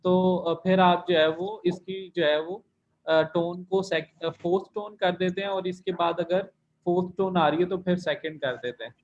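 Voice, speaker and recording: A man's voice: sits high, steady tone, a little slow, darkish tone, dull audio. A man teaching a Chinese language class online, explaining rules patiently and repeating each point step by step. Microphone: computer mic in video call.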